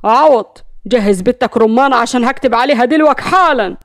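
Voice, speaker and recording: A woman's voice: a little high, brisk, no echo, studio quality, close to an everyday voice. Woman doing a nervous young doctor. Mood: worried. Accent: Egyptian. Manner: worried, nervous. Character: anxious young male doctor.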